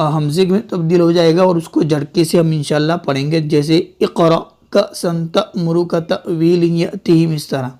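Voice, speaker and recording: A man's voice: high voice, a little mellow. A man teaching Quran reading step by step, patiently repeating words and sounding out each syllable. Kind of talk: step-by-step recitation lesson.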